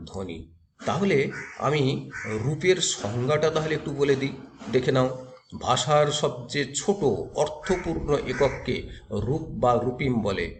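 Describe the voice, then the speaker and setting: A man's voice: medium pitch, slight background noise. A male teacher giving a grammar lecture to students, explaining step by step, repeating key terms and asking questions to the class.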